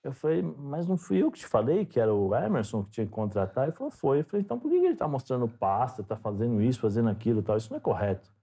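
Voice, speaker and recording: A Brazilian former footballer, a guest on a podcast, telling stories in a relaxed chat and acting out the dialogue as he goes. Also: medium pitch, racing, few pauses, slightly rough. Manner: animated storyteller, acts out dialogue. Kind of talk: casual storytelling interview.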